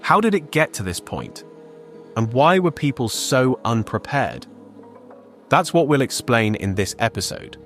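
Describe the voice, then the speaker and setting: Man, podcast narrator, scripted documentary delivery, middle pitch, faint music bed. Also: sing-song, fairly bright tone. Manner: measured and clear.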